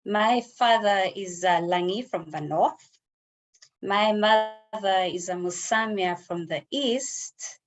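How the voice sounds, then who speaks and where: A woman with a Ugandan accent giving a prepared personal speech in an online club meeting, speaking in a measured, deliberate way. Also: mid-range voice. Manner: measured, deliberate delivery with pauses. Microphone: video call.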